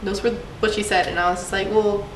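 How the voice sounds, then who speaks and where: A young woman from Puerto Rico, a student, tells personal stories for a class project, chatty and full of fillers. Her medium-pitched voice is level and fairly quick, captured by a distant mic with echo and background noise.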